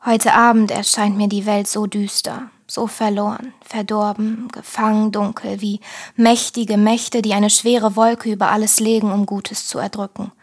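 A woman reciting devotional spoken-word poetry, slow and intimate, often sinking into whispers. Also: mid-range voice, little pitch movement. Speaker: poet reciting devotional verse.

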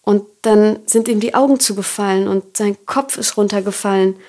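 A woman hosting a podcast, telling a personal faith story and reflecting on it in an earnest, softly confiding way. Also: mid-range voice, normal speed. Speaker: podcast host.

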